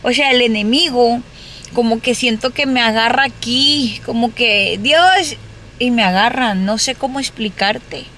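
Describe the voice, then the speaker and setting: A woman's voice: on the high side, normal speed, fairly bright tone, a little hiss or hum. A woman chatting casually to her viewers in a vlog, talkative and full of exclamations. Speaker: vlogger. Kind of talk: casual vlog chat to camera.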